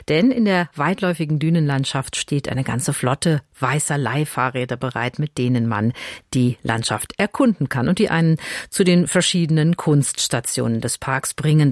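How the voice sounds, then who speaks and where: A man hosts a radio arts program in a calm announcing voice. The studio sound is dry and close. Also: a little high, no echo. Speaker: radio presenter. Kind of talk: scripted radio moderation.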